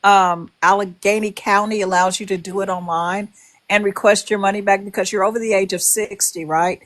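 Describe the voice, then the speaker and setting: A woman in her sixties speaks plainly on a livestream, giving direct advice. Her voice sits at an ordinary middle pitch. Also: steady tone, brisk, fairly bright tone. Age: 60s. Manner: direct, advising. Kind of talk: casual chat.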